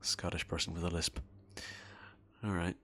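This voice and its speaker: A man's voice: low voice, level tone, normal speed, a bit bright, a little hiss or hum. A man giving casual commentary while playing a video game, laid-back, chuckling often and swearing casually. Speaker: let's play host. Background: faint game music.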